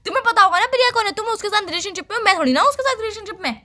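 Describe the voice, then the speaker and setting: A woman's voice: very high voice, lively intonation, very fast, sharp tone. A young woman on a phone call with her boyfriend, accusing and scolding him without letting him speak. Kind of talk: phone argument between a couple.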